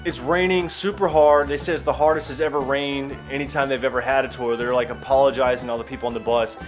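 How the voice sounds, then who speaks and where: A man's voice: medium pitch, fairly even intonation, fast talker, faint music behind. A young man vlogging his travels in a wry, rambling, self-mocking way. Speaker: travel vlogger and stand-up comedian. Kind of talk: casual vlog chat.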